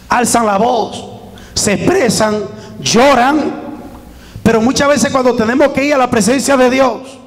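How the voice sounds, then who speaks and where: A man's voice: extremely high pitch, big-room sound. A man preaching a sermon as pastor, fervent, with call-and-response to the congregation, recorded in a church.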